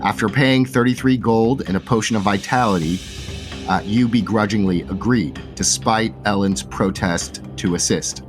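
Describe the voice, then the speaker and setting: Over music that's plainly heard underneath, a fairly low-voiced man hosts his tabletop roleplay podcast as dungeon master. He opens with a lively announcer-style greeting, then settles into an even-paced recap of the story so far.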